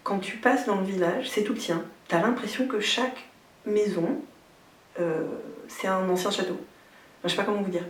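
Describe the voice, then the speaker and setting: A woman's voice: mid-range voice, steady tone, normal speed. A woman in casual, colloquial chat, eager to explain what she has noticed. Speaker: participant in the investigation. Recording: distant, very echoey.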